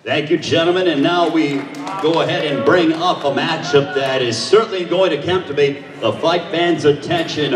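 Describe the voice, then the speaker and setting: High-voiced male boxing announcer in echoing hall. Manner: showman delivery with drawn-out fighter names. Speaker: boxing weigh-in ring announcer. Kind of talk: live sports announcing. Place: large echoing event hall. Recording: echoey hall PA, distant from mic.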